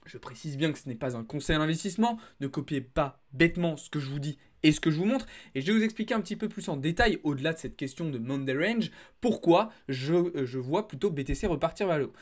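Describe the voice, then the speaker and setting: A man's voice: a little high, lively intonation, fast, few pauses, a little mellow. A man with a slight lisp on his s sounds, presenting market commentary to viewers. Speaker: crypto trading video host.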